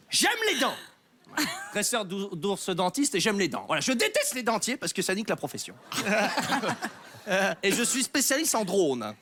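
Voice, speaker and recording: A man's voice: high-pitched, sing-song, a little slow, pauses often, full character voice. A man playing an angry, worked-up man who trains bears and does dentistry, in a noisy TV studio. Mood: furious. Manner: shouting angry improv.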